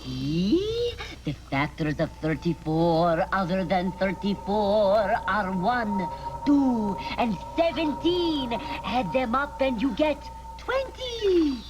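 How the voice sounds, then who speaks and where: An actress playing a bossy, theatrical fortune teller with commanding, mystical certainty in a comedy sketch. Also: female voice, medium pitch, big pitch swings, slow pace. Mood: brisk, certain. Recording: music behind the voice.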